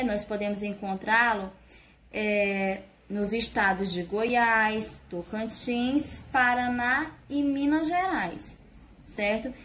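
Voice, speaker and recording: A woman, a primary school teacher giving a lesson to young children in a slow, sing-song voice, exaggerating her intonation when she reads examples aloud. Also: fairly high pitch, a little hiss or hum.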